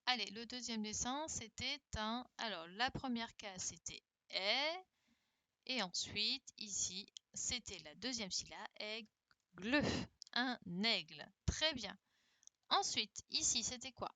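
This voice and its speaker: A woman teacher leads an online class through her computer mic, speaking slowly and deliberately. Her voice is bright and a little high, and the sound is dry and close with no room around it. She coaxes her pupils by repeating each question. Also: expressive, dry recording. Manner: coaxing, repeats questions to prompt answers. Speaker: primary school teacher. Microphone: computer mic on a video call.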